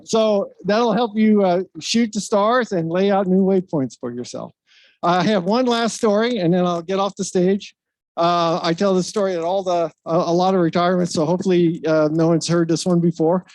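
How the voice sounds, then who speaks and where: Man, high-pitched, dry close sound; casual rambling tribute speech, stumbles and chuckles at himself. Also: normal speed, a little mellow, no room sound. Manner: rambling, self-deprecating, with fillers and laughs. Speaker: speaker at a retirement ceremony. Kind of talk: informal ceremonial speech. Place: event stage.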